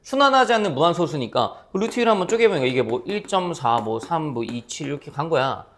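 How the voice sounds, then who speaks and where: A man with a slightly high voice talks fast while teaching a math class. His lecture is lively and playful, full of stories in which he acts out his students' voices.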